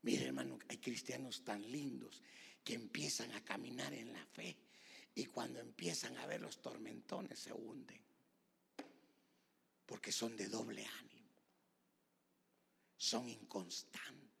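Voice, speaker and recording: A man preaching a sermon, swinging between shouted passages and hushed whispers, calling the listener "brother" again and again. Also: mid-range voice, takes it slowly, gravelly, pauses often, husky. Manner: repeats "hermano" constantly. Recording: long hall reverb.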